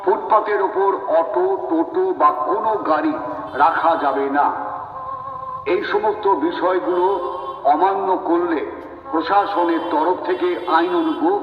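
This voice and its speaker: A man's voice: high-pitched, over music. Male public announcer, West Bengal Bengali accent, formal megaphone delivery, distant with long reverb. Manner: loud, deliberate public-address delivery, as through a megaphone. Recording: muffled, distant loudspeaker with echoing reverb.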